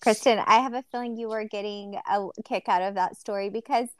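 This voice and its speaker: A woman's voice: mid-range voice, fairly even intonation, brisk, no room sound, studio quality. A woman hosting a podcast, asking questions in an upbeat, casual way. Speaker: podcast host. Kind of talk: casual interview chat.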